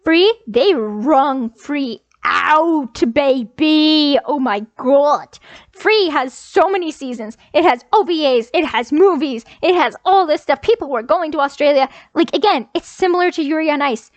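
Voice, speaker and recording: A woman's voice: sits high, animated, measured pace, no echo. A young adult woman vlogger ranting casually, repeating her points for emphasis. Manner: emphatic, repeats phrases for effect. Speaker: anime commentary vlogger. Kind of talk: casual rant.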